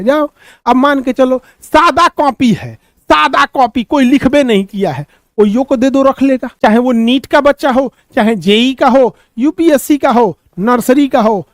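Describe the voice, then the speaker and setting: A man's voice: very high-pitched, no room sound, studio quality. A man with a Bihari Hindi accent teaching a class in a colloquial, joking way. He repeats key points and quizzes his students with rhetorical questions. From Bihar, India. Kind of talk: classroom lecture.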